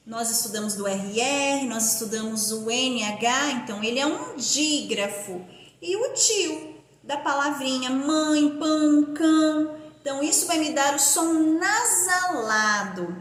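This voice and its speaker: A woman teacher from Brazil giving a primary school phonics lesson, stretching out syllables and spelling words letter by letter. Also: high-pitched. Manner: slow, drawn-out syllable-by-syllable pronunciation. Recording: echoey room.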